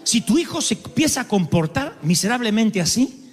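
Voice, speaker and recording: Preacher guy, high voice, lively sermon, big echoey hall with soft music behind. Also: normal speed. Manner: animated, conversational, acts out quotes.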